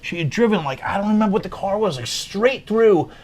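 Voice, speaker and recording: A man hosting a casual podcast chat, an animated storyteller who acts out the people he quotes. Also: sits high, brisk. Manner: animated storyteller, swoops up when quoting.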